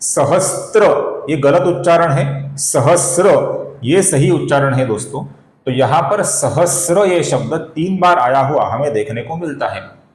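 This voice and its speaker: A man teaching the correct pronunciation of chanted verses, explaining step by step and chanting the lines slowly. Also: fairly high pitch, animated, reverberant. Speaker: Sanskrit recitation teacher. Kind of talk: slow spoken tutorial with chanted verses.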